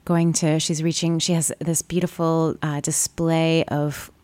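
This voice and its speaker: A woman hosting an unscripted interview show, speaking a little haltingly and repeating words as she goes. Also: low voice, level tone, darkish tone, dry recording. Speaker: radio show host.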